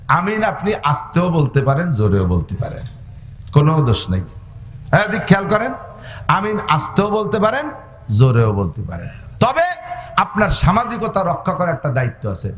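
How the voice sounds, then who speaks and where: A man with a Gopalganj Bengali accent preaching a humorous waz sermon, swinging from loud exhortation to soft, high mock-dialogue. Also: a little hiss or hum. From Bangladesh. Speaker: Islamic preacher.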